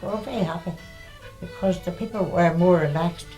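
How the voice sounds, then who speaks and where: Low, mellow older Northern Irish woman. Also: a little fast, faint music behind. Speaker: local resident sharing memories. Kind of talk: reminiscing, casual storytelling.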